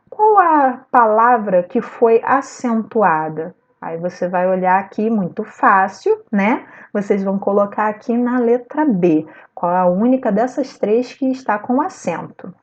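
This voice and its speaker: A woman's voice: mid-range voice, expressive, a little slow, hardly any pauses, lo-fi sound. Patient woman teaching a lesson. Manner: patient, walks through textbook exercises; frequent checking fillers like "né" and "tá". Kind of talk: recorded video lesson.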